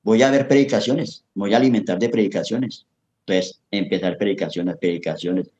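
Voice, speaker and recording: A man's voice: lowish voice, brisk, a little mellow, highs cut off. A middle-aged Colombian man with a Colombian accent, giving an earnest, preachy personal testimony in an interview and often calling the host brother. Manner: earnest, preachy, calls the host papi and hermano. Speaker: interview guest. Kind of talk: emotional testimony in casual chat.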